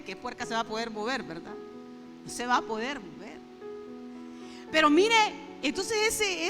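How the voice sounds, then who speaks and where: High bright-voiced woman preaching. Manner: earnest, addresses the congregation directly; emotional, breaks into fervent prayer. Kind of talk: conversational sermon. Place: church. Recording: reverberant church hall with faint instrumental music.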